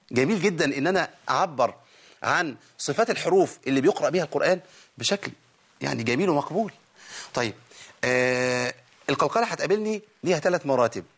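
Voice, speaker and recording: A man's voice: on the high side, slightly rough. A man with an Egyptian accent teaching a recitation lesson, asking his own questions and answering them, then sounding out letters for learners to repeat. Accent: Egyptian Arabic. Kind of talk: spoken Tajweed lesson.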